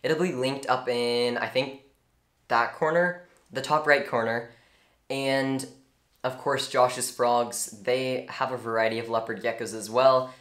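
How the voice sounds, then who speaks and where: A young man giving an informal, earnest tutorial on reptile care, with strong opinions and lively emphasis. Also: mid-range voice, unhurried. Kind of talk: informal instructional talk. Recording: echoey room.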